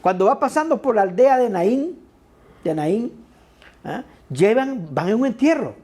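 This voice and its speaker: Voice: medium pitch, very animated, measured pace, darkish tone. A pastor giving a sermon in a conversational way, checking in with tag questions and repeating words for emphasis.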